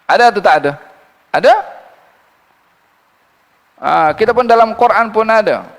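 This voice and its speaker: A man giving a Quran commentary lecture, reciting verses slowly and then explaining them in a lively teaching voice. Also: high-pitched. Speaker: religious teacher. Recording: long hall reverb.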